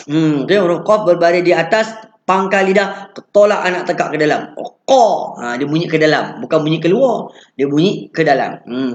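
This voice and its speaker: A man with a Malaysian Malay accent teaching Quran pronunciation, patiently drilling syllables and chanting verses slowly. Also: a little high, reverberant. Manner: chants the verse in slow drawn-out recitation.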